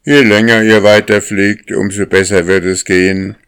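A man's voice: lowish voice, level tone, normal speed, a bit bright, clear, resonant tone, no room sound, studio quality, voice pushed up. A man voicing an unbending old female lead goose who answers firmly and curtly in a storybook reading. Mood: stern. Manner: firm, curt.

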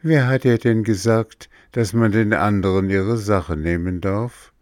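A man doing a gentle pitying firefly. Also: lowish voice, measured pace, no echo, studio quality, lightly acted. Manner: gentle, reproachful. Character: kindly small firefly, pitying.

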